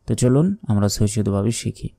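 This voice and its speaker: A man teaching Quran recitation, explaining each sound slowly and chanting the verses in long drawn-out tones. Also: lowish voice, creaky, mellow, no room sound, studio quality. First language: Bengali. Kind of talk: slow step-by-step recitation lesson.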